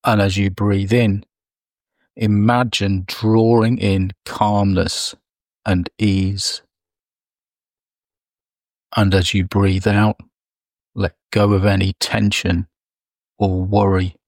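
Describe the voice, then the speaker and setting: Male meditation guide, unhurried and gentle, lowish voice, dry close recording. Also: level tone, no room sound. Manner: slow, soft, soothing delivery with long pauses.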